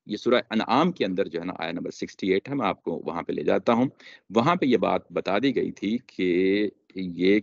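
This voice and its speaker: In a dull, dry, lo-fi lecture recording, a deep-voiced man teaches the Quran. He explains scripture, reciting verses and repeating key phrases to drive them home.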